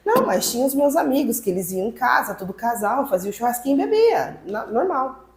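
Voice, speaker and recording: A woman pastor telling her personal testimony in a podcast conversation, animated and acting out what people said. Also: on the high side, fairly quick. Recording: roomy echo.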